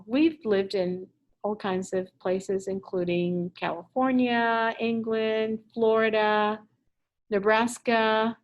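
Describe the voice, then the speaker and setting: A woman's voice: mid-range voice, low-quality recording. A woman in her fifties from Puerto Rico, a Spanish teacher recording a casual introduction for parents from her classroom, rambling a little with fillers. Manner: chatty, warm-hearted rambling with fillers.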